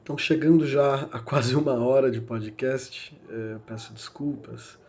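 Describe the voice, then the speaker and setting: A man with a Brazilian Portuguese accent gives a literature lecture, recorded for a university podcast, in a medium-pitched, darkish voice with a steady tone and measured pace. His delivery is reflective and tentative, with many fillers and self-corrections.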